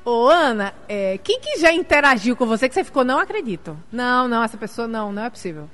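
A woman hosts a live-streamed interview in a high, bright voice, chatty and lively as she reads out viewer messages. Faint music runs quietly underneath. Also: quick pace. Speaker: interview host.

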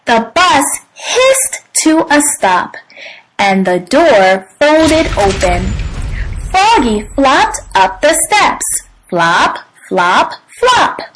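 A woman hosting a podcast, reading a children's story aloud slowly and very expressively. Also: sits high, low-quality recording. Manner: slow and very expressive. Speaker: podcast host. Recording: background noise.

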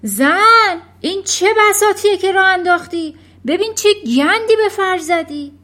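Woman playing a blustering, vain dad, yelling high and loud. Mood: shouting panicked. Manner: shouting in panic. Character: blustering middle-aged father, vain and hot-tempered.

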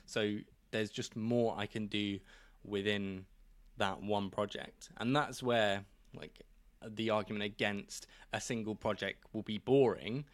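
A man with a fairly low voice talks casually on a podcast. He lays out his plans plainly, pausing with fillers as he thinks. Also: fairly even intonation, no room sound. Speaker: podcast host.

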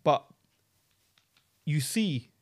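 A man's voice: a little high, expressive, drawn-out words. A young man with a London roadman accent, debating and questioning in slang during a casual podcast discussion. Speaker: podcast participant.

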